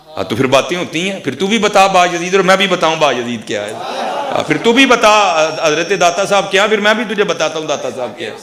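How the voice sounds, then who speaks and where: A man's voice: a little high, expressive, reverberant, a crowd in the background. A man, ranting like a preacher and taunting a rival with challenges. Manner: taunting, rising to shouted challenges. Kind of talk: combative sermon-style rant.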